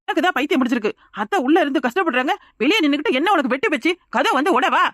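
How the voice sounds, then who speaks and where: Cartoon: a jittery Kanyakumari young wife, high, fast, dry studio. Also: female voice, expressive, a bit bright, no room sound. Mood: urgent. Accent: Kanyakumari Tamil. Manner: rapid, insistent, pleading. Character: frightened young village wife. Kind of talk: cartoon voice acting.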